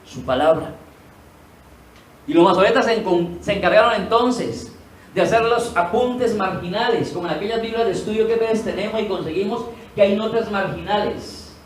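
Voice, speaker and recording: A man's voice: sits high, normal speed. A male pastor teaching a sermon, asking the congregation questions and answering them himself, repeating key words for emphasis. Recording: echoey room, voice from a distance, faint ambience.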